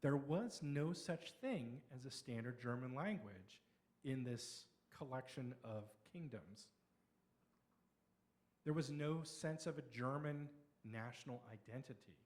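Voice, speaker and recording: A middle-aged man from Pennsylvania giving a conversational slide lecture on history, with explanatory pauses and restarts. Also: mid-range voice, expressive, a little mellow. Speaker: local history speaker.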